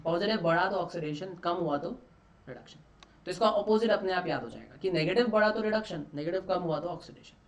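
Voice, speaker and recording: Chatty male chemistry teacher quizzing students. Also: high voice. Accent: Marathi-influenced Indian. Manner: asks questions and answers them himself, repeats key terms; mixes English phrases into Hindi explanations. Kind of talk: online exam-prep lecture.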